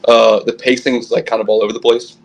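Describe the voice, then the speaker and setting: Fast-talking young man on low-quality phone audio. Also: gravelly. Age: young adult. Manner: quick, excitable, many restarts. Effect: low-quality phone recording of a stream. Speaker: podcast co-host. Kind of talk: casual fan podcast chat.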